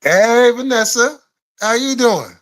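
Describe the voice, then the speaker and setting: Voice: mid-range voice, animated, slow, a bit bright. A live stream host chatting casually with viewers in informal, slangy speech peppered with swearing.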